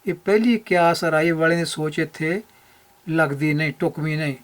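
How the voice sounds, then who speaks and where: A man's voice: a little high, moderate pace. A man explaining scripture pronunciation rules over slides, methodical and repeating key points for emphasis. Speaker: Gurbani pronunciation teacher.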